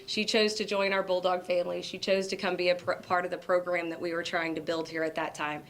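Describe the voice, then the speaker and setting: A middle-aged woman coach speaks at a hall of fame induction, her voice sitting a little low for a woman. She often stops, repeats words and restarts her sentences as she talks. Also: little pitch movement, fairly quick, a little hiss or hum. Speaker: former college basketball coach giving an induction speech.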